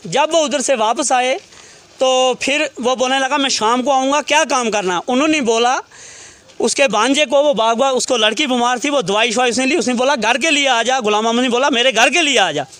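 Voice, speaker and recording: Guy with a really high tense voice going through what happened step by step, quoting everyone. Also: a bit bright, dry recording. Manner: detailed storytelling that quotes what each person said. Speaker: relative of a murder victim speaking to a reporter. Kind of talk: recounting events in an interview.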